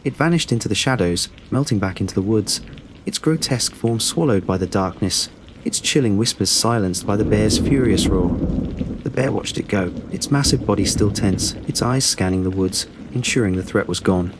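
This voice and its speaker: A man reading a scripted horror story in a steady, measured storytelling delivery. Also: fairly low pitch, noisy background. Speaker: narrator.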